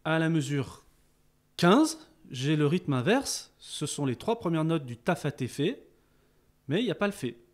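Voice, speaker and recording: A man teaching a beginners' rhythm lesson, explaining calmly between chanted counting exercises. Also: fairly high pitch, measured pace. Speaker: music teacher.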